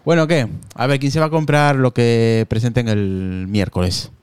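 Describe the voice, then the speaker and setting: The tech podcast host, at home in his hot living room, keeps up a joking, teasing back-and-forth with his co-hosts. His medium-pitched voice is clear, resonant, and darkish, with fairly even intonation, a moderate pace, and no room sound, picked up by a computer with a phone camera on a video call.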